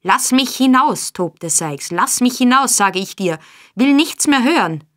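A woman's voice: on the low side, a little slow, fairly bright tone. A woman doing a harsh, brutal robber. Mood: raging. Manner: curt, harsh commands. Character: violent, raging male robber.

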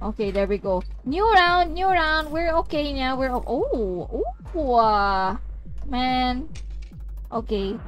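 Young woman, high voice, slow unhurried talk, live game commentary, faint music underneath. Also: expressive. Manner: chatty, sings snatches of songs, talks to chat. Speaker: streamer.

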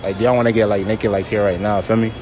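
A man's voice: lowish voice, level tone, quick pace, a little mellow, faint music behind. A young man doing a casual prank street interview in a shopping mall with a handheld mic, laid-back and teasing, filling his talk with "you feel me" and "like".

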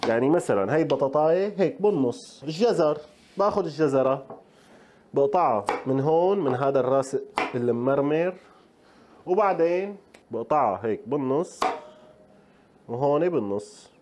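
A man's voice: fairly high pitch, lively intonation, moderate pace, pauses often, background noise. A male chef with a Levantine Arabic accent hosting a casual cooking tutorial in a home kitchen. He chats straight to the viewers and throws in playful asides. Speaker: chef and show host.

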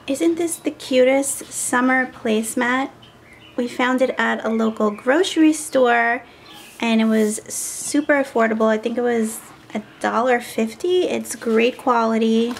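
A woman's voice: on the high side, steady tone, a little slow, gravelly, slight background noise. A woman in her thirties giving casual, chatty voice-over narration for a home cleaning vlog. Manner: chatty, upbeat, homey. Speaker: cleaning vlogger.

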